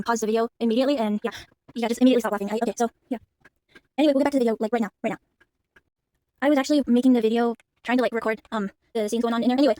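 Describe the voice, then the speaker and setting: A young woman rambling through a movie reaction, talking very fast with a lot of fillers and restarts. Her voice is high, and it sounds dry and close, with no room echo. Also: a little mellow. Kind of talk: casual movie commentary.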